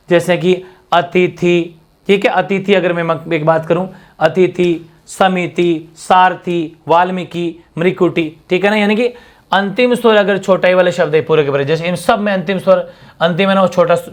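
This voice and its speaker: High-voiced man teaching a grammar lesson. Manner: drills examples with rhetorical questions and repetition. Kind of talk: exam-prep grammar lesson.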